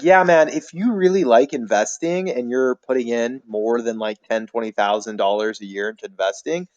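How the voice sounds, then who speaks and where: A man's voice: mid-range voice, dull audio. A man hosting a livestream, chatting casually and reading viewer comments aloud. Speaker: livestream host.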